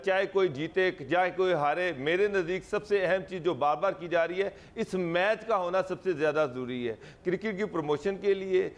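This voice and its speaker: Pakistani-born cricket pundit guy, high voice, slow and earnest, lots of uhs. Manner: slow, earnest, frequent "uh" fillers. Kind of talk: TV panel commentary.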